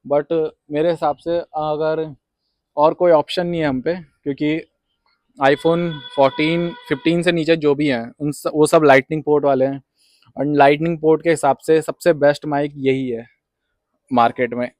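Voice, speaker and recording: A man's voice: a little high, steady tone, measured pace, a little mellow, no echo. A young man in a casual unboxing vlog, rambling and repeating himself as he reviews a wireless clip-on mic, mixing English words into his talk. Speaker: vlogger reviewing a microphone. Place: rooftop outdoors and indoors. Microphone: wireless clip-on mic and phone mic.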